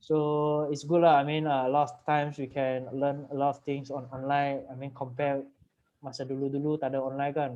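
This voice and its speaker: A man's voice: mid-range voice, little pitch movement, brisk, dark tone. A man in his thirties with a Malaysian accent chats casually in colloquial Singlish-style English, full of lah and ah, mixed with Malay. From Penang, Malaysia. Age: 30s. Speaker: online event host. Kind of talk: casual chat. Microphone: video call. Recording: muffled video call audio.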